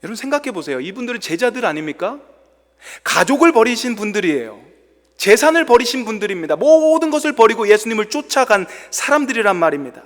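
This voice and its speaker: A male pastor delivers a sermon in a church, his voice sitting high and swinging widely in pitch as he tells the story with dramatic flair. A long reverb from the hall trails behind his words. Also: big pitch swings, fast talker, a bit bright.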